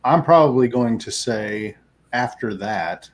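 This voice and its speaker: Rambling, soft-spoken male guest. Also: medium pitch, animated, unhurried. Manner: rambling, trails off softly, laughs often. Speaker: guest, small business owner. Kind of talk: casual interview chat.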